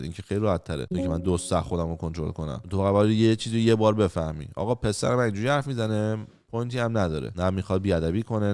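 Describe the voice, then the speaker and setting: A man's voice: deep voice, darkish tone, no echo, clean studio sound. A man chatting casually as a podcast host, telling stories animatedly and acting out the people he quotes. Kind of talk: casual chat.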